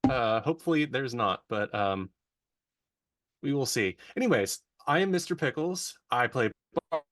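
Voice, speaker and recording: Casual male player on a video call, voice breaking up into robotic glitching audio; mid-pitched, self-mocking. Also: animated, normal speed, a bit bright, no room sound, studio quality. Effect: robotic, glitching internet call audio. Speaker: player introducing his character. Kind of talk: casual chat.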